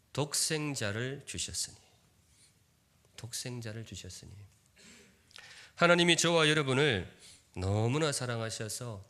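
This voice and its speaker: A man's voice: medium pitch, fairly bright tone. A man in his fifties from Gyeongsan, preaching a sermon in Seoul speech with a trace of a Gyeongsang accent, humorous and drawing the congregation in with questions. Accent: Gyeongsang-tinged Seoul Korean. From Gyeongsan, North Gyeongsang, South Korea. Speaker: pastor. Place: church sanctuary.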